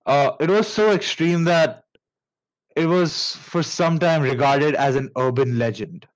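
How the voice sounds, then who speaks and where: A man with an Indian accent tells a story on a casual podcast at an unhurried pace. He rambles and halts, restarting his sentences and leaning on fillers. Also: on the high side, low-quality recording. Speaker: podcast host.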